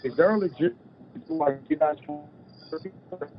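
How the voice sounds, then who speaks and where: A man's voice: fairly high pitch, expressive, normal speed, a little hiss or hum. A man calling as a sheriff's sergeant over a choppy phone line that keeps breaking up and cutting out his words, speaking formally. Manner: formal, repeats "sir" and stock phrases. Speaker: caller posing as a sheriff's sergeant. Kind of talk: phone call.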